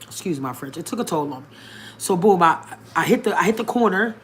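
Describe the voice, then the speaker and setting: A woman telling a personal story straight to her viewers, outspoken and straightforward, with a colloquial, emphatic delivery that jumps up in pitch and loudness. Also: expressive, brisk.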